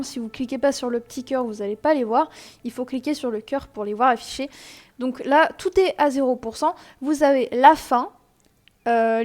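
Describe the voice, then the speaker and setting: A woman's voice: sits high, darkish tone. A young woman hosting a casual game tutorial, chatty and explanatory, with many fillers and self-mocking asides, speaking into a desk microphone. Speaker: gaming tutorial host.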